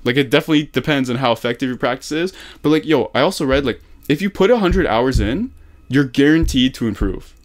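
A young man with a mid-range voice coaches gaming casually over a call, animated and quick, using slang, encouragement, and emphatic repetition. He's at a desktop condenser mic on his desk in a small room at home.

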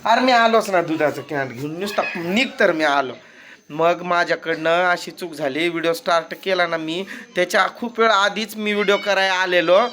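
A man's voice: high-pitched, moderate pace, pushed and bright, a little hiss or hum. A father chatting casually in a family vlog, playful and teasing as he calls out to his children. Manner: playful, teasing, often calling out to the kids.

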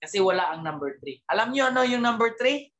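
Animated man giving a motivational talk. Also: extremely high pitch, quick pace. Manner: animated, keeps asking the audience rhetorical tag questions; mixes English words into his talk. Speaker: speaker at a business team gathering.

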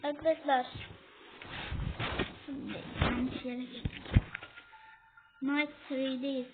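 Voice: sits high, flat delivery, slow pace. A young gamer chatting to viewers and scolding an in-game baby during a horror game. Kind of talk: casual gameplay commentary. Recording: tinny phone-like audio with faint noise.

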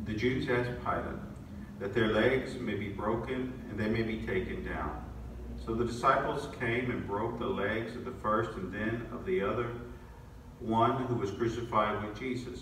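Man, priest, cathedral echo, faint background hiss, gospel reading and homily. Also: lowish voice. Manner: halting, self-correcting in the homily. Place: large church. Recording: echoey church, distant mic, faint noise.

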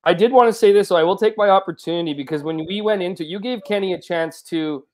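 A man's voice: high voice, quick pace. A man, chatting casually about hockey on a video call, rambling with many restarts. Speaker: podcast co-host. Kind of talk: casual sports chat.

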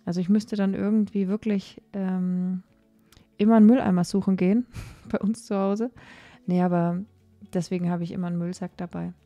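A young woman giving a casual, chatty voice-over about cleaning her home, with many fillers and pauses. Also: lowish voice, steady tone, dark tone, dry recording, soft background music. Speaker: cleaning vlogger.

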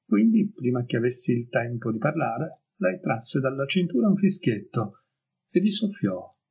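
A man reading a story aloud as an audiobook, in a calm and measured narrating voice. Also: mid-range voice, gravelly, breathy edge, low-quality recording. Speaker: audiobook reader.

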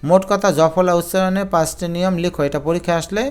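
A man's voice: high-pitched, fairly even intonation, fast talker, darkish tone, smooth. A male teacher, giving an exam-prep grammar lesson, patiently explaining rules step by step with repeated examples and speaking directly to his students. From Bangladesh.

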